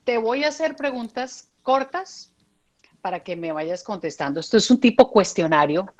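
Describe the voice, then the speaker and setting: A woman's voice: medium pitch, expressive, normal speed. A woman interviewer asking short, direct questions.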